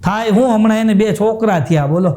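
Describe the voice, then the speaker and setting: A man's voice: sits high, fairly quick, noisy background. A man with a Kathiyawadi Gujarati accent telling jokes on a live stage, chuckling through his punchlines and repeating his catchphrases. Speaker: stand-up comedian. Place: live stage show with audience.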